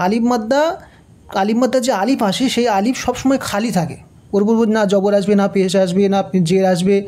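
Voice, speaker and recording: A woman teaching Quran recitation step by step, speaking Bengali with a Bangladeshi accent, repeating syllables slowly and asking then answering her own questions. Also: mid-range voice, dark tone.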